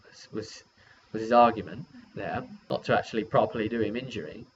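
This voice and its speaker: On a dull, lo-fi recording with background noise, a man talks through a tabletop game he ran as game master. His voice is on the low side and a little fast, and he rambles while casually performing quoted dialogue.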